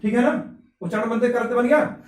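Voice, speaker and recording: High-voiced man teaching Sanskrit grammar. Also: fairly even intonation, a little fast, distant mic. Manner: repeats sounds aloud and quizzes students. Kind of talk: classroom lesson. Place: classroom. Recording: echoey room, mic from afar.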